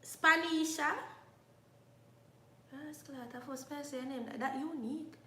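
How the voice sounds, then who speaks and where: A woman's voice: high voice, fairly even intonation, fairly quick, darkish tone, echoey room, slight background noise. A young Jamaican woman with a Jamaican accent, chatting casually to her viewers and drifting between patois and English. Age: young adult. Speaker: YouTuber.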